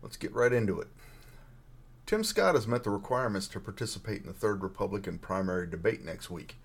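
A hoarse male podcast host runs through political news with a dry, wry delivery. His voice sits on the low side and comes out husky and rough around the edges. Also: animated, brisk. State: hoarse, frog in throat.

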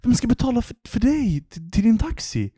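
A man voicing a very drunk, confused young woman who talks in a high, bewildered, pleading way. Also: very animated, dark tone, slightly rough, no echo, exaggerated voice.

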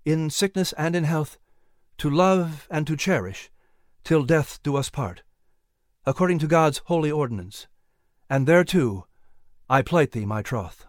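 A man's voice: on the high side, animated, a little slow, no room sound, clean studio sound. A man playing a solemn young groom. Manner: solemn and formal. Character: earnest young groom speaking his vows.

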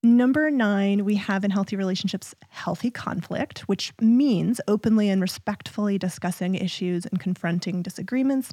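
A woman of middle pitch co-hosting a casual relationship podcast. She walks through points in a clear, steady, explanatory way. The recording is dry and close, with no room echo. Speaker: podcast co-host.

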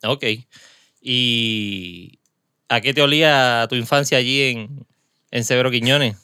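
Speaking slowly in a mid-range, sharp yet smooth voice, this podcast host from Puerto Rico has a Puerto Rican Spanish accent. He keeps his casual interview chat in a small studio friendly and talkative, laughing a lot and trailing off into side comments. There's no echo on the recording.

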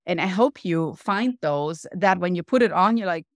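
Lowish-voiced woman coaching earnestly. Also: lively intonation, dry recording, clean studio sound. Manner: earnest, explanatory, slows down for emphasis. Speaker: guest, wellness coach. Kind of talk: podcast interview.

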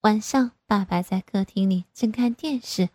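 Breathy woman narrating a story. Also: mid-range voice, moderate pace, warm tone, dry recording. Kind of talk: first-person story narration.

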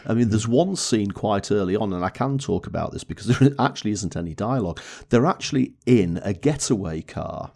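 Chatty low-voiced man, animated. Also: fairly quick, vocal fry, hardly any pauses. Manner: animated, laughing, many restarts and fillers. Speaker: podcast co-host. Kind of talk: casual film review chat.

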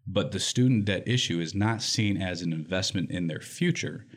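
A man's voice: sits low, normal speed. A man from Michigan, a nonprofit director answering interview questions in an earnest, emphatic way and often tagging his points with "right?". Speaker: nonprofit executive director, guest.

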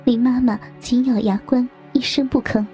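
A woman reading a scripted audio story in a soft, half-whispered way. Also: fairly high pitch, steady tone, moderate pace, faint music behind. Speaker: narrator.

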